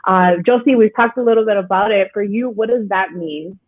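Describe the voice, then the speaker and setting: A woman's voice: medium pitch, a little fast, no echo. Woman host on a tinny, dry line. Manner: upbeat, inviting, with fillers. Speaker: livestream host. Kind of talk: livestream interview. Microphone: video call. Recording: dry, phone-like video call audio.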